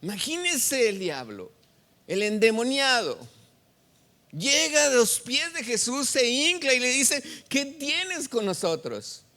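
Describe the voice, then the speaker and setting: In a church sanctuary, a male pastor with a very high-pitched, very animated, sharp voice preaches unhurriedly. He reads scripture aloud and expounds it, quizzing the congregation with call-and-response questions.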